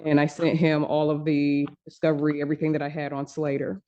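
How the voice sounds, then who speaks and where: A woman attorney responds to a judge, heard through a courtroom recording. Her voice is flat and mellow as she speaks hesitantly, filling gaps with "like". The audio sounds muffled. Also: low-pitched, a little fast. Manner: hesitant, uses fillers like "like".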